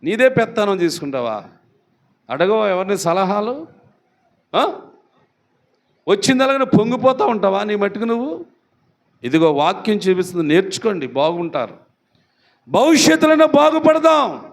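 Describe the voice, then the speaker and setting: A man's voice: high voice, sing-song, normal speed, gravelly, long pauses. A male pastor preaching a sermon in a church, retelling a story and firing questions at the congregation. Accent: Telugu. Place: church hall.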